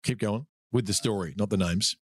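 A man hosting a podcast, chatting casually and teasing his guest with quick interjections. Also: fairly low pitch, no room sound. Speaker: podcast host. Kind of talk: casual chat.

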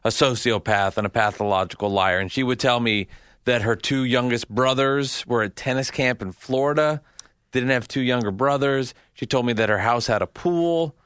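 A man's voice: mid-range voice, normal speed, a bit bright, clear, resonant tone, dry recording, clean studio sound. Wry male producer telling stories. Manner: wry, joking asides. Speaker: executive producer, co-host. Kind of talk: casual studio chat. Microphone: studio mic.

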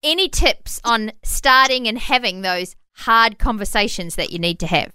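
Australian female radio co-host, high crisp voice, chatty and playful. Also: animated, moderate pace, pushed and bright, dry recording. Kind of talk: casual radio chat.

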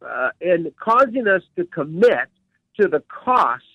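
Male guest, slightly high voice, unhurried, emphatic teacher, dry muffled line. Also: big pitch swings, husky, no echo. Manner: emphatic, repeats key words. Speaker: professional coach and ministry director, guest. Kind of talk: radio interview, teaching.

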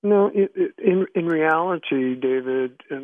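A man giving reflective interview answers in halting, measured phrases over a narrow phone line. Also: a little high, no room sound. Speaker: interview guest, author. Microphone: phone call.

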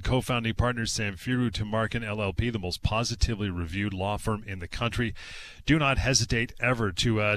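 A man's voice: mid-range voice, fairly bright tone. A man hosting a radio advice show in a casual, chatty and promotional way.

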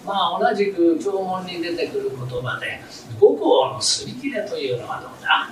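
A man playing a calm, kindly old neighborhood elder in a comic story, heard from afar in a roomy, noisy hall. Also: sits high, normal speed, distant mic. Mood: calm, fatherly.

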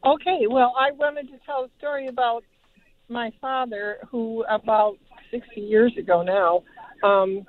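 A woman's voice: on the high side, fairly even intonation, a little slow. An older woman from Detroit calling in to a radio show over the phone, telling a family story in a chatty, fond way. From Detroit, Michigan. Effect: heard over a phone line. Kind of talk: call-in radio conversation. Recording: tinny phone line.

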